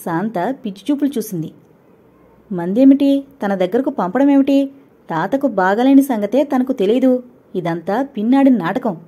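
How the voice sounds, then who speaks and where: A woman reads a novel aloud in a steady, expressive way. Her voice is mellow and warm, with a dark tone. The delivery is even and unhurried. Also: on the high side, husky. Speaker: audiobook narrator. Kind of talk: scripted narration of a novel.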